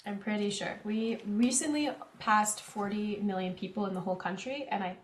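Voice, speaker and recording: A woman's voice: medium pitch, moderate pace, echoey room, a little hiss or hum. A young woman from Canada with a central Canadian accent, chatting casually with her viewers while playing a farming game. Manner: chatty, reads chat aloud, giggly asides. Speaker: streamer. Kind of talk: casual gameplay chat.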